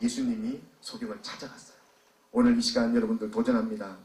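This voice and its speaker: A male pastor preaching a sermon, swinging from hushed asides to loud, fervent appeals and acting out voices. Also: mid-range voice, very animated, quick pace. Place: church sanctuary. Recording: echoey church hall from a distance.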